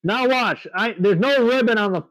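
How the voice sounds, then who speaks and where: A man giving excitable, chatty live commentary on an air show, laughing often. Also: high voice, normal speed, no echo, poor audio.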